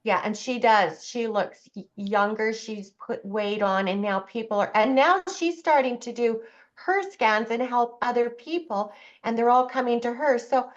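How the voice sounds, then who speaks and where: A woman's voice: on the high side, measured pace, muffled recording. A woman on a video call who rambles and hunts for words, speaking carefully about a client. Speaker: practitioner on the call.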